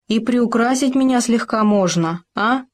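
Picture the narrator doing a small, nosy male gopher from a storybook, his voice pitched up above the reader's own. He fusses and frets, coaxing one moment and bristling the next. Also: measured pace, close to an everyday voice. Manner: anxious, pleading, excitable. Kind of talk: storybook reading.

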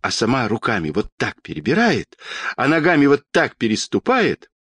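A man voicing a chattering red-haired boy in a storybook reading, acting out every detail in a drawn-out way. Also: mid-range voice, huge pitch swings, fairly bright tone, husky, dry recording, studio quality, heavily acted. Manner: breathless chatter, drawn-out words.

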